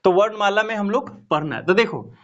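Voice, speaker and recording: A man's voice: high voice, animated, brisk, a bit bright, highs cut off. A man teaching a Hindi grammar lesson to students, patiently asking the class rhetorical questions as he explains.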